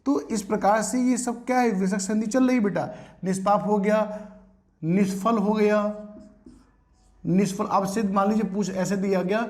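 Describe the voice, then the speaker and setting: A man's voice: high-pitched, fairly even intonation, normal speed, darkish tone. A man teaching an exam-prep Hindi spelling lesson, explaining patiently, repeating words and asking his students rhetorical questions.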